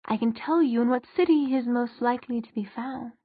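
Cool and calculating, a woman narrator brings to life a haughty fairy queen of timeless cunning, her slightly rough, high-ish voice close and dry and moving a little fast. The formal, imperious phrasing suggests a storybook monarch who looks down on those listening. The narrow, tinny recording has no echo.

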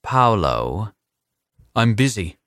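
A man voicing a young captive assassin who is defiant and taunting, in a higher, strained and sneering voice. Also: very animated, slow pace, fairly bright tone, dry recording, studio quality, heavily acted. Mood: dismissive.

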